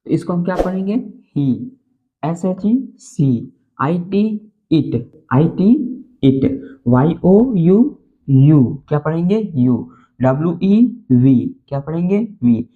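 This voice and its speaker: A man with a Hindi accent and Hindi as his first language, teaching beginners English phonics, spelling letters out slowly and repeating each answer. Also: fairly high pitch, expressive, phone-quality sound.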